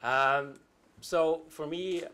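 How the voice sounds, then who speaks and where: A man's voice: a little high, very slow, bright, forceful tone. Man in his thirties on a panel. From Finland. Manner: conversational, many fillers and restarts. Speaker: conference panelist. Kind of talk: panel discussion answer. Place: conference hall.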